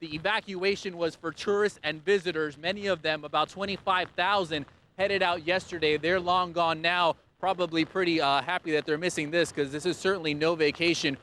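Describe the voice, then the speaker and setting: A man's voice: fairly high pitch, steady tone, brisk, pushed and bright. A man reporting live for TV news from a windy beach, with an urgent, projected delivery. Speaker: field reporter.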